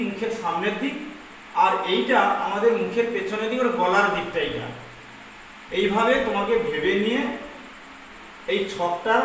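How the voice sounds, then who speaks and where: Woman teacher dictating in an echoey room. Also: mid-range voice. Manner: slow dictation, repeating phrases for note-taking. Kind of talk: dictating a class twelve grammar lesson. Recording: very echoey room, distant mic, faint noise.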